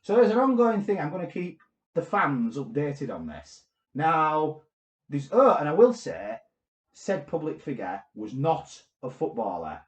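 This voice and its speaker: A man co-hosting a comedy podcast, telling a strange story with deadpan delivery and sudden shouted bursts. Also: a little high, a little slow, roomy sound. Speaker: podcast co-host.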